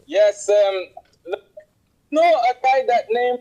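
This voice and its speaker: A caller from Montreal, a man, speaking haltingly over a choppy, breaking-up remote call line. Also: very high-pitched, expressive, warm tone, dull audio. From Montreal, Canada. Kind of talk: call-in question.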